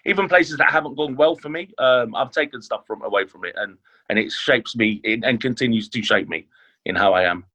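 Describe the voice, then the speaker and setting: A chef who was born in Leeds and raised in London talks casually about his career as a podcast guest, with many fillers and restarts. He speaks briskly in a medium-pitched voice with a sharp tone.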